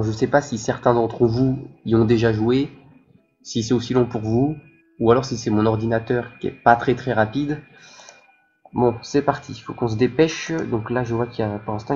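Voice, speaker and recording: A man's voice: medium pitch, a little mellow, dull audio. Man thinking aloud over a game. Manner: thinking aloud, hesitant, many fillers. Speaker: gaming channel host. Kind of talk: let's play commentary.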